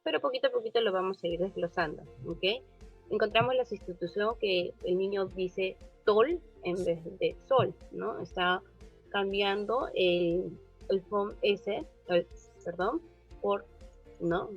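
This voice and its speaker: Husky woman explaining a class topic, keeps asking "right?", kinda muffled lo-fi audio with faint music under it. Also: medium pitch, a little slow. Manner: explanatory, frequent tag questions. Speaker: student presenter. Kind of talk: group class presentation.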